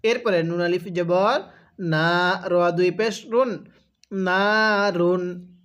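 Spelling out syllables and drawing out his recitation of verses so learners can repeat, a high-voiced man from Bangladesh teaches Quran reading. The recording's highs are cut off.

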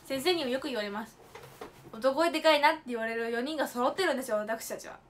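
A young woman with a high, light voice chats with her stream viewers. She tells her stories playfully and leans hard on her punchlines. She slips easily between polite phrasing and casual slang. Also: quick pace. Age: late teens. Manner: chatty storytelling with playful emphatic asides. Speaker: idol livestream host. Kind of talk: casual livestream chat.

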